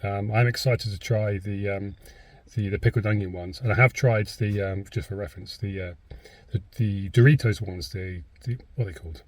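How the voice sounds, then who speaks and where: A British man reviews food casually on camera from inside a car, rambling and hesitating, his voice slightly husky and on the low side. He keeps a steady tone and moderate pace, and there's no room sound.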